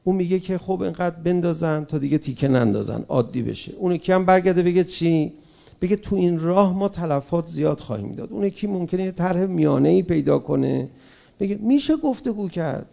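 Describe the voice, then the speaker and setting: A man giving an impassioned public speech, questioning his listeners directly and swinging between loud emphatic bursts and quiet asides. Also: sits high, animated, creaky. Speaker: public speaker.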